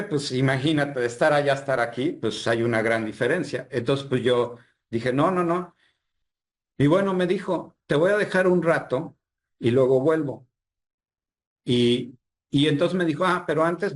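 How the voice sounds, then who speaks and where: A man from Mexico with a Mexican Spanish accent, a healer telling an experience as an interview guest, earnest and re-enacting the dialogue as he goes. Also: medium pitch. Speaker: healer and spiritual guide, guest. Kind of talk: storytelling interview.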